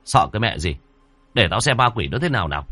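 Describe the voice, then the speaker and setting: A skittish, quick-tempered old man rattles on in a hurried, agitated voice, as a male storyteller acts him out. His pitch jumps around in lively swoops. The sound is dry and close. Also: husky, no echo, exaggerated voice. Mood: blustering. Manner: rushed, agitated. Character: older man, jumpy, quick-tempered, easily scared.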